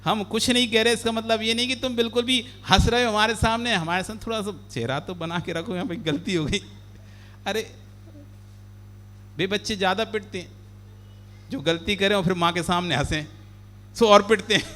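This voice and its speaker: Monk giving a sermon, playful storyteller, voice sits high and sounds bright. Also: male voice, normal speed, long pauses. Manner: animated, playful, acts out the characters. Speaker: Jain monk preaching.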